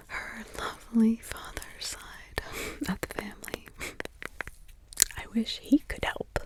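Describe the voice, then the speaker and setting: An ASMR creator with a slightly high voice whispers, unvoiced, slow and drawn-out, in a roleplay as a weary, wry witch mother hiding in the forest. The audio is poor.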